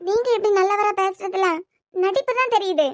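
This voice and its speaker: A woman's voice: very high voice, normal speed, no echo, studio quality. A woman voicing a young wife in a cartoon series, crying and accusing her husband. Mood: distraught. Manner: crying, pleading, reproachful. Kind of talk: cartoon web series voice acting.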